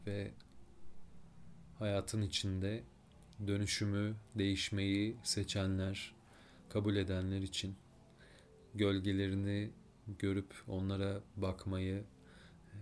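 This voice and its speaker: Low-voiced guy talking you through a meditation, slow and soft, lots of pauses, bit of hiss behind. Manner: slow, calm, soft-spoken instructions with long pauses. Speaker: meditation guide. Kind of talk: guided meditation.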